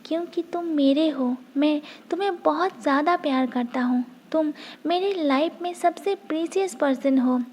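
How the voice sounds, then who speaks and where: Woman voicing a soft-spoken possessive young lover. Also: high voice, normal speed, slight background noise, natural voice.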